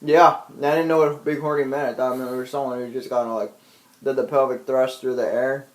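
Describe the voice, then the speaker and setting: A man's voice: medium pitch, steady tone, a little fast. A man co-hosting a podcast, chatting playfully about a movie and laughing easily. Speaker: podcast co-host. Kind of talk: casual movie chat.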